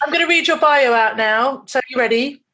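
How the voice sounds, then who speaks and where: A woman's voice: high-pitched, a little fast, pushed and bright, rough recording. A woman hosting a podcast, chatting playfully and teasing her guests. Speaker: podcast host. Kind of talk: casual podcast chat.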